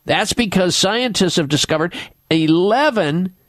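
A man hosting a radio health show, advising and explaining with pauses and repeated words. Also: high voice, animated, a bit bright, dry recording, clean studio sound.

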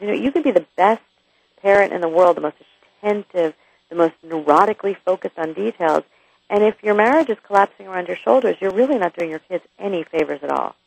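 A woman's voice: medium pitch, lively intonation, fast, gravelly, darkish tone, breathy edge, no echo, rough recording. A woman author guesting on a radio interview, talking candidly and chattily with frequent restarts and asides.

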